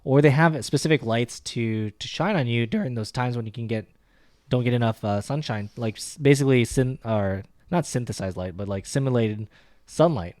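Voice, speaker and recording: A man's voice: mid-range voice, moderate pace, darkish tone, no room sound. A young man talks in a loose, chatty way and fills his sentences with "like" on a casual podcast. His voice is recorded close and dry, with no room sound around it. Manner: loose and chatty, heavy use of "like", joking asides. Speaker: podcast co-host.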